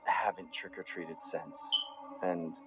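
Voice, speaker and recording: A young man narrating a scary story in an expressive, suspenseful manner. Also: low voice, slow, over music, rough recording.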